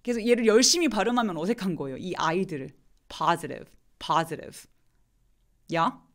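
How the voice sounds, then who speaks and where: Woman, English pronunciation teacher, live online lesson, lively rise and fall in her voice, middle pitch, slows down to demonstrate words. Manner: demonstrates words slowly, answers viewer questions.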